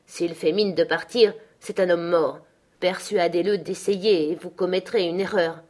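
A woman's voice: on the low side, steady tone, a little slow, lightly acted. A woman reading aloud as a desperate, threatening man on the edge of madness. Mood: menacing. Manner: dark, threatening declamation.

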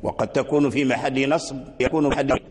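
An older man teaching Quranic readings in a lecture, explaining slowly with repetition and chanting the verse examples. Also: medium pitch, steady tone, darkish tone. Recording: long hall reverb.

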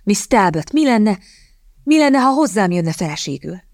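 A woman reading the part of an earnest young gentleman in love, eager and stammering. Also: mid-range voice, sing-song, no echo, studio quality, pitched above the performer's own voice.

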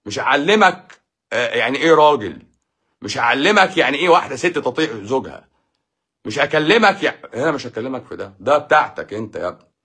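Fast, husky Egyptian man preaching. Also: mid-range voice, sharp tone. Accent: Egyptian Arabic. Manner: emphatic, preachy, full of rhetorical questions. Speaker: doctor giving a talk. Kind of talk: casual talk on faith and life.

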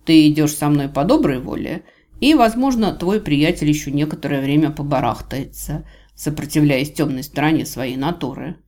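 A woman reading an audiobook voices a smug, cruel male villain god who talks with drawling, mocking calm. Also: low-pitched, normal speed. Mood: menacing. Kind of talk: audiobook character voice.

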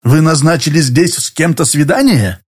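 Male narrator voicing suspicious, falsely courteous tenant; raised pitch, storybook reading. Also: lively intonation, moderate pace, slightly rough. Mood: falsely polite. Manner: falsely polite, turning curt and wary. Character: smooth-then-suspicious middle-aged male tenant.

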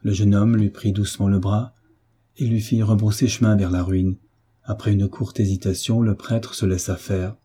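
A man narrating a classic novel in a measured, even reading as an audiobook narrator. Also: on the low side, slightly rough. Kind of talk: scripted literary narration.

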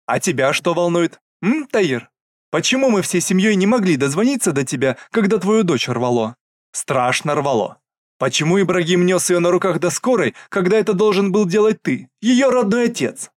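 A man's voice: sits high, expressive, normal speed, dry recording, clean studio sound, pitched above the performer's own voice. A man voicing a scornful elder sister who hurls reproaches. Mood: accusing. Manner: hissing, reproachful.

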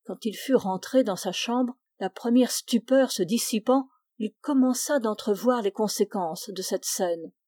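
Lectrice à la voix chaude et posée. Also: female voice, a little high, dry recording, clean studio sound. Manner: measured, expressive. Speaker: audiobook reader. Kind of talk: literary audiobook narration.

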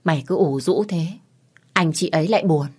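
A woman's voice: low-pitched, fairly quick, darkish tone, slightly rough. A woman voicing a frank, easygoing middle-aged aunt who teases bluntly in an audio story. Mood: teasing. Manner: blunt and teasing.

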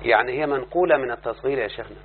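A man's voice: medium pitch, racing. Man quizzing a class, tinny hum. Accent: Egyptian Arabic. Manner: keeps quizzing listeners for answers. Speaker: teacher. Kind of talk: classroom lesson. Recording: tinny lo-fi recording with faint hum.

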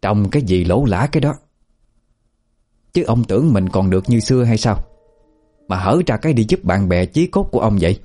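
A man voicing a sharp-tongued older village wife who scolds and nags. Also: lowish voice, lively intonation, faint music behind. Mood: scolding. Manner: scolding, rapid nagging.

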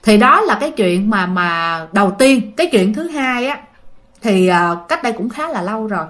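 A woman's voice: mid-range voice, sing-song, normal speed, fairly bright tone. A woman with a Southern Vietnamese accent casually telling a ghost story, chatting directly to her listeners.

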